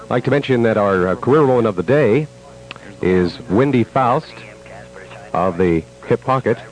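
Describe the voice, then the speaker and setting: Male morning radio host, animated pitch, chatty and amused, old broadcast with faint music underneath. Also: moderate pace, low-quality recording. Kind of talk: casual morning radio chat.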